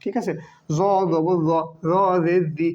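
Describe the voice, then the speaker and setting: Man, tajweed teacher, high voice, patient letter-by-letter drilling, dull lo-fi recording. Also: level tone, mellow. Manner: patient, repeats each letter slowly for students to follow. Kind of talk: online class, drilling letters and vowel marks. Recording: dull lo-fi sound.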